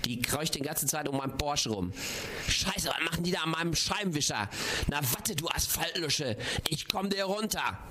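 A man's voice: fairly high pitch, animated, normal speed, a little hiss or hum. A man playing a hysterical rude boss. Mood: bossy irritated. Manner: yelling insults, bossy and irritable. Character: hysterical, bossy, rude male office boss. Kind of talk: amateur radio comedy.

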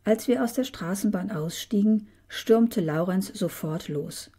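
A woman reads a children's story in a gentle, measured voice that at times drops to a half-whisper. Her tone is mellow and dark, with an airy, slightly breathy texture, at a middle pitch. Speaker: narrator. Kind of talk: storybook narration.

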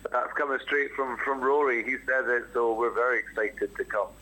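A man's voice: mid-range voice, moderate pace, sharp tone, poor audio. A man from Edinburgh with a Scottish accent, a singer being interviewed over the phone, friendly and upbeat. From Edinburgh, Scotland. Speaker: band singer, interview guest. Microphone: phone call.

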